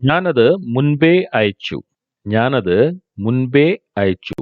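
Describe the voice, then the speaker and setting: A man gives a spoken English lesson, explaining points and then saying each practice sentence very slowly and distinctly. His voice is mid-pitched, and it sounds narrow and phone-like, with no room echo at all. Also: animated. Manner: slow deliberate model sentences between explanations. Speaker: English teacher.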